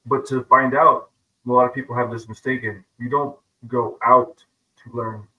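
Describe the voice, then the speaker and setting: A man talking casually on a podcast, telling stories with animated asides and quick put-on voices. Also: mid-range voice, dull audio. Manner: animated storyteller, slips into voices of others.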